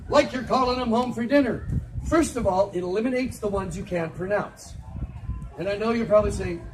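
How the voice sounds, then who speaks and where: A middle-aged man doing live comedic storytelling on an outdoor festival stage, with animated, teasing banter aimed at the audience. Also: high-pitched. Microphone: handheld phone in the audience. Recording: distant phone recording with crowd. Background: audience laughter.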